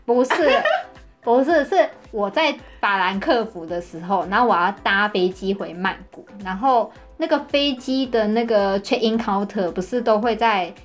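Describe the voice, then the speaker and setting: A woman co-hosting a podcast, telling a story in an animated, casual way and often laughing. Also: medium pitch, moderate pace, soft background music. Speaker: podcast co-host.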